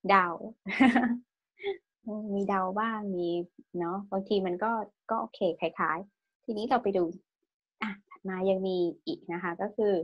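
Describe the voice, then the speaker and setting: A woman with a slightly husky voice leads an online language lesson. She is patient, checks each word with a soft tag question and drills the pronunciation again and again. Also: mid-range voice, takes it slowly, dull audio. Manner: tag-questions every phrase with polite particles. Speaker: Japanese language teacher.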